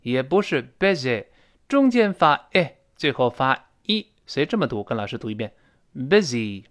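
A man's voice: medium pitch, very animated. Man teaching spoken English, chatty. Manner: explains pronunciation and repeats words slowly in English; chatty, with little asides and soft laughs.

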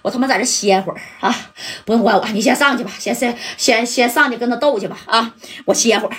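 A woman's voice: fairly high pitch, fast, fairly bright tone, close to an everyday voice. A woman voicing a worn-out, loyal male gangster who urges his friends to go on without him. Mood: weary, urging. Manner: weary, urging.

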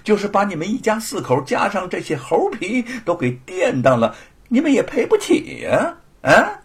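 A gloating male villain of an old-style spoken tale, acted by a man. He blusters and cackles, his raspy voice jumping high and wildly up and down. Every threat comes out with sneering relish. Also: wildly swooping pitch, normal speed, exaggerated voice. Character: gloating cruel middle-aged male local tyrant.

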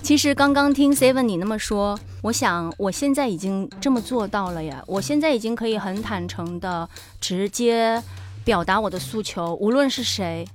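A woman's voice: mid-range voice, animated, moderate pace, soft background music. A woman in her thirties co-hosting a podcast, talking frankly in casual chat and laughing often. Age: 30s. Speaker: podcast co-host.

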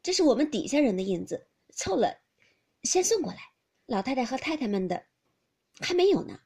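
A woman's voice: high voice, very animated, brisk, mellow, husky, full character voice. A woman reading aloud as a polite, deferential middle-aged servant woman explaining matters to her mistress.

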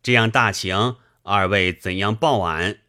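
A man's voice: lowish voice, unhurried, sharp tone, no echo, studio quality. A man doing a brash, boastful merchant. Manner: blunt, boastful, folksy. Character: brash middle-aged male merchant, blunt and boastful.

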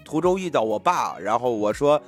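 A man's voice: mid-range voice, expressive, moderate pace, faint music behind. A man in casual chat telling a pun joke, stumbling over his words and restarting. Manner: stumbles and restarts, then retells plainly.

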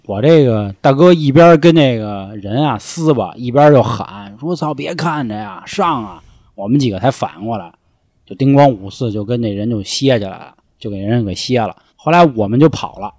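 A young man telling a story in a casual chat, swearing freely and acting out shouts from the story. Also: medium pitch, animated, fairly quick, no echo. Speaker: storyteller guest.

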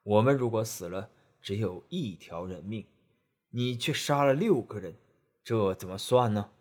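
A gentle Buddhist monk from a storybook tale, soft-spoken and faintly scolding, as a man voices him. He talks slowly in a low, breathy tone. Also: animated. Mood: reproachful. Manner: slow, soft, reproachful. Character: gentle, preachy male Buddhist monk master.

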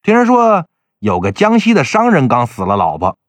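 A male storyteller telling a folk tale in lively, colloquial speech. His pitch sits a little high and moves a lot, and the recording is dry and close. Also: moderate pace, dry recording. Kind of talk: storytelling narration.

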